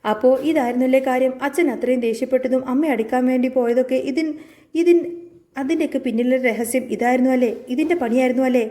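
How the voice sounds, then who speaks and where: A woman's voice: sits high, fast, warm tone, lightly acted. A woman reading a mocking young son. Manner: offhand, needling.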